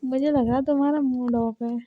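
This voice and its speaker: Young girl teasing her bf on a call, highish voice, playful. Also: fairly even intonation, moderate pace, dry recording, phone-quality sound. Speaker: girlfriend on a phone call. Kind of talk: staged romantic phone call.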